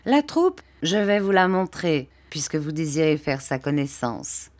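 A woman's voice: sits low, measured pace. A woman doing a sly old showman. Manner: calm, shrewd, mocking. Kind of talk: storybook reading.

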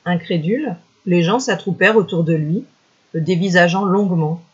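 A storyteller reading a folk tale aloud in a measured, expressive way, on a dull lo-fi recording. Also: mid-range voice, breathy edge.

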